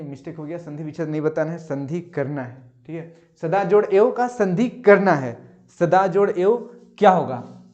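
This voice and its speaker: A man's voice: fairly high pitch, a little mellow, reverberant. A man teaching an exam-prep lesson, going through quiz answers, urging viewers to comment and slipping English phrases into his talk. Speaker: exam tutor. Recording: dull lo-fi audio.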